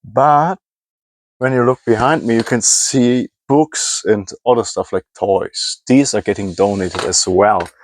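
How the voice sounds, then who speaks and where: Speaking unhurriedly in a fairly low voice, a German man shares a casual vlog about scrapping, in English as his second language with a German accent. His talk meanders, and he often pauses to find words or fix what he said.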